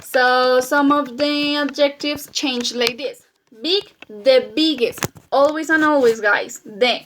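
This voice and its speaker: High-voiced teacher, patient. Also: female voice, steady tone, measured pace, a bit bright, slight background noise. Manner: patient, repeats key points, spells letters out. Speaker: English teacher. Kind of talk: recorded grammar lesson for pupils.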